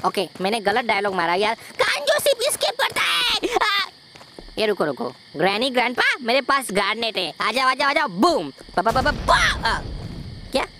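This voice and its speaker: A woman giving excitable, giggly commentary over a horror game, boasting and joking. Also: mid-range voice, fairly quick, noisy background. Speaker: gameplay YouTuber. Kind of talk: let's-play commentary.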